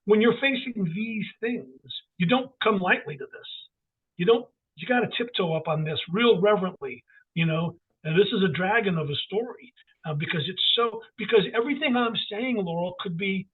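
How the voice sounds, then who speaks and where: A man's voice: high voice, normal speed, breathy edge. A man talking as an author guest in an interview, emphatic and full of restarts. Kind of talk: casual interview talk. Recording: tinny phone-like line.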